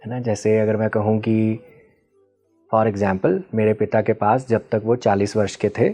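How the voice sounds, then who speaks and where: Soft music plays in the background as a male guest expert on ancestral healing speaks at a measured pace. His voice is fairly low and mellow with little pitch movement. Blending Hindi with English terms, he explains patiently in a teacherly way and keeps asking questions to check the listener is following.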